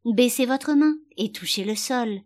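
A woman's voice: a little high, unhurried, a little mellow, pitched above the performer's own voice, close to an everyday voice. A woman voicing a proud, bossy talking tiger-lily flower that scolds and commands. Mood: lecturing.

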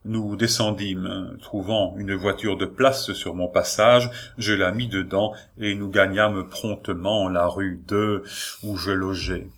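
Lower-voiced male audiobook narrator. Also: fairly even intonation, slow pace, a bit bright.

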